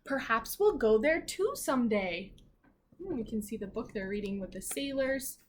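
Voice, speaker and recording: This primary school teacher reads a children's book aloud to her pupils with a slightly high, expressive voice at a moderate pace. She adds chatty asides and puts questions directly to the children. There is slight background noise.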